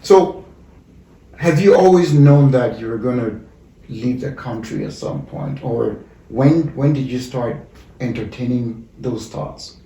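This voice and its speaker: Cameroonian podcast host, mellow and roomy. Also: male voice, mid-range voice, unhurried, vocal fry. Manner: enthusiastic, affirming, frequent "yeah". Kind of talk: casual podcast interview. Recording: roomy, distant mic.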